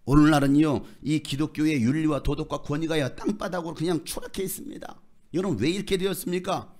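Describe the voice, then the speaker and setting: A male pastor delivers a Sunday sermon at a rapid clip, his voice sitting a little high for a man. He preaches in a colloquial, animated way, throwing rhetorical questions at the congregation and slipping into playful mimicry of other voices. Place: church sanctuary.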